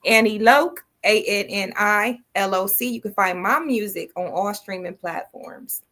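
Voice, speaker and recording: A woman's voice: medium pitch, measured pace, a bit bright. A woman hosting a podcast in loose, playful chat, slangy and swearing freely. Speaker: podcast host.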